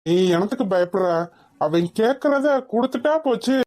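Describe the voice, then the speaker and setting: A woman's voice: fairly high pitch, expressive, moderate pace, warm tone, lightly acted. A woman voicing a smug scheming rich father. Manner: boastful, dismissive. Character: scheming wealthy middle-aged father, self-assured. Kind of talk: animated cartoon voice acting.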